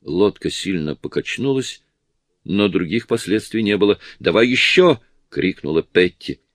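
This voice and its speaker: A man reading a novel aloud in steady, measured audiobook narration. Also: deep voice, no echo, clean studio sound. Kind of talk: scripted narration.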